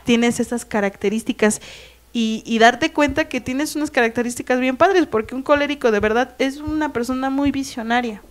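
A woman hosting a radio talk show, calmly explaining and reading out listener greetings. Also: high voice, moderate pace. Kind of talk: casual radio chat.

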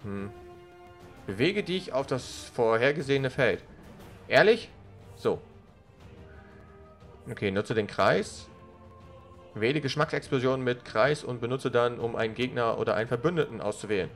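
Ein Mann kommentiert als Let's Player locker und beiläufig ein Spiel. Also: male voice, mid-range voice, lively intonation, normal speed, long pauses. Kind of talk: casual gaming commentary. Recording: faint game music behind. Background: video game music.

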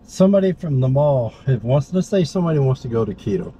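A man's voice: medium pitch, big pitch swings, fast talker, mellow. A man hosting a vlog while driving, chatting informally and often checking with short tag questions. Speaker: vlog host and driver. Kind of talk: casual chat while driving. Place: inside a car, driving. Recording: noisy moving car interior. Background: car and road noise.

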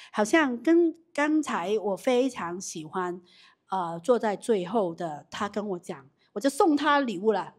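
A woman runs a live business training, her voice sitting a little high. She is animated, asks the room questions and restarts her sentences often, talking straight to the people in front of her. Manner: animated, repeats questions to the audience, frequent restarts. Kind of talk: live training talk with audience Q&A.

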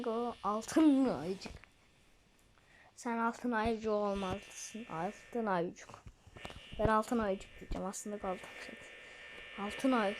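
A woman giving casual, excitable commentary while playing a game, chatting to her viewers. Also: on the high side, background noise. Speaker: let's play gamer.

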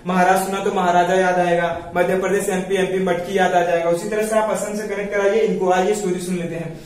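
Man, teacher, high voice, quizzing and repeating, very echoey room, distant mic. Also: little pitch movement, fast talker. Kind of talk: story-based memory lesson.

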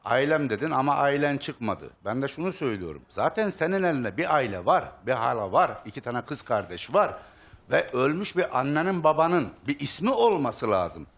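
Calm probing man with animated pitch. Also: normal speed. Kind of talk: questioning a guest. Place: TV studio.

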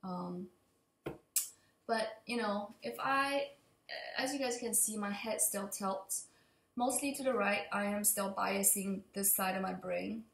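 Her mid-range voice is a bit bright, though allergies make it slightly raspy and add vocal fry. The young woman hesitantly rambles through an unplanned vlog update, captured on a computer mic from desk distance in an open kitchen and living room that echoes.

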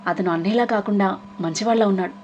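A woman's voice: medium pitch, fast talker, darkish tone, muffled recording, a little hiss or hum, lightly acted. Woman voicing a teasing young friend. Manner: teasing, chatty.

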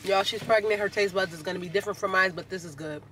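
A man's voice: high-pitched, fast, sharp tone. A man vlogging in a car, chatting casually and animatedly to his viewers. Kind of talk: casual chat to camera. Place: inside a car. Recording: car noise behind.

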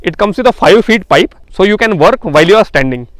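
High-voiced young man pitching farm tools. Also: expressive, a little fast, no echo, clean studio sound. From India. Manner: earnest, recommending, with frequent "uh" fillers. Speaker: farm tool seller and channel host. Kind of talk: product demonstration talk to camera. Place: outdoors in an open farm field.

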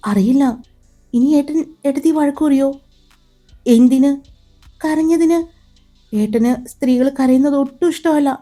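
A woman voicing a gentle young wife in a storybook, speaking in a halting, emotional way. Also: sits high, soft background music. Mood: anxious.

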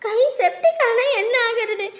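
Woman playing a fretful doting sister, tearful and slow, high pitch. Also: lively intonation, fairly bright tone, roomy sound, heavily acted. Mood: fussing.

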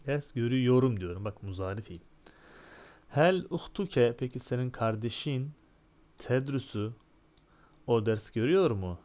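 A man's voice: mid-range voice, moderate pace, dark tone. A man teaching a recorded lesson, explaining and translating line by line and asking and answering his own questions, with dry classroom jokes. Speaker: Arabic teacher.

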